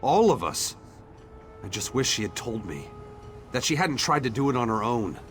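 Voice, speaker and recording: A man reads video game lines as an earnest young townsman, grateful and hopeful, rallying his people against fate with a declamatory turn. He speaks at a moderate pace in a sing-song, medium-pitched, fairly bright voice, with music underneath.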